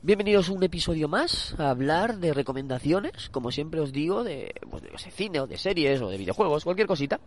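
A man's voice: a little high, very animated, fairly quick, hardly any pauses. A man with a Castilian Spanish accent hosting a casual podcast in a nasal voice, stuffed up with a cold, rambling and correcting himself as he chats. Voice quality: nasal, congested voice. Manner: rambling, hesitant, self-correcting. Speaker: podcast host. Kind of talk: casual chatty podcast recommendation. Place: out walking a dog.

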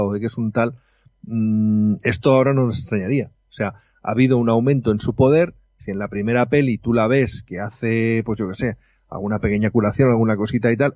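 A man in a casual film discussion, talking in an animated, indignant, informal way. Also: mid-range voice, no room sound, highs cut off. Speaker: film commentator.

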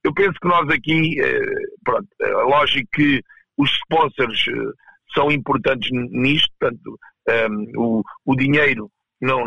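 A man with a European Portuguese accent answering as a coach in a casual interview, halting and repeating words as he goes. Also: medium pitch, gravelly, bright, forceful tone, dry recording, highs cut off. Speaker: roller hockey coach, interview guest.

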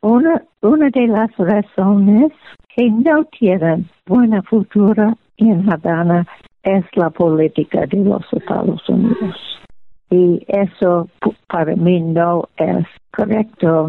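Woman, American accent in Spanish, native English speaker, slow halting delivery, searching for words, thin phone-like radio sound, dry. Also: on the low side, vocal fry, no room sound. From United States. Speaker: interview guest, former diplomat. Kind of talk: radio interview, opinion and anecdote.

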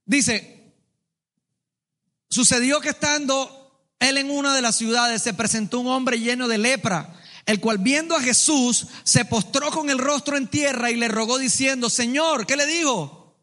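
A man preaching a sermon to a congregation, lively and colloquial, with joking asides, calling on the listeners to answer back. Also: very high-pitched, unhurried. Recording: long hall reverb.

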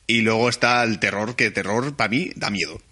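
A man chatting excitedly about a film on a podcast, swearing and laughing often. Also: on the low side, normal speed. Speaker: podcast co-host. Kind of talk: casual film-review chat.

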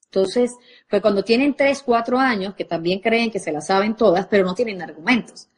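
A woman's voice: mid-range voice, moderate pace, slightly rough. A woman parenting coach, speaking expressively and directly to a live audience.

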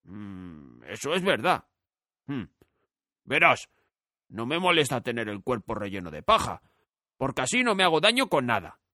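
A man voicing a friendly, slightly hoarse talking scarecrow in a storybook reading, speaking slowly and earnestly. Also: mid-range voice, very animated, pushed and bright, no echo, studio quality. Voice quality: hoarse, raspy. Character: raspy friendly male scarecrow of straw. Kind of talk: audiobook character voice.

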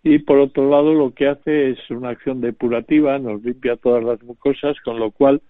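A man's voice: mid-range voice, fairly even intonation, no echo. Male doctor heard over the phone. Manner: measured, formal advice. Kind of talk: radio advice. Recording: dry narrow phone line.

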